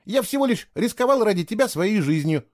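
Man playing an indignant young hero, a little higher than your own voice, insistent and clipped. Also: expressive, brisk, darkish tone. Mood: irritated. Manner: irritated, insistent, sulky. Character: indignant young man, stranger lost in a strange world.

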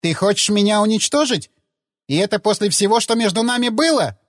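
A sentient rifle in an audiobook, bloodthirsty and proud, whining in a high, swooping voice that rings with added reverb, as a male reader puts it on. It sounds plaintive and reproachful, almost childlike. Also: lively intonation, brisk, clean studio sound. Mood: wounded.

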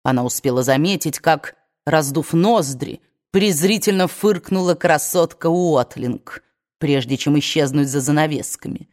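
A woman narrates a novel as an audiobook in a fairly low voice. Her reading is measured and expressive. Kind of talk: scripted narration.

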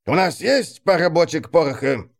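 A man's voice: on the high side, big pitch swings, moderate pace, creaky, pitched above the performer's own voice. A man voicing a dry, sardonic male adjutant who speaks with cool, mock-polite irony. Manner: coolly ironic, mock-polite. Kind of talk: audiobook character reading.

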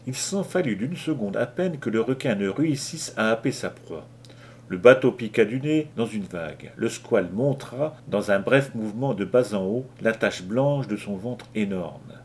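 Low-voiced man reading an audiobook. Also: lively intonation, darkish tone, slight background noise. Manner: measured dramatic narration. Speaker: audiobook narrator.

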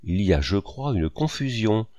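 A man voicing a troubled male writer who speaks gravely and hesitantly. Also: on the low side, sing-song, moderate pace, warm tone, no echo, lo-fi sound.

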